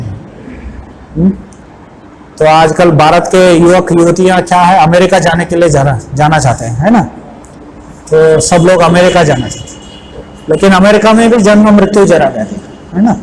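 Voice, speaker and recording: High-voiced man giving a scripture lecture. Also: darkish tone, low-quality recording. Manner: chants verses slowly, asks the listeners rhetorical questions. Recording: faint background noise.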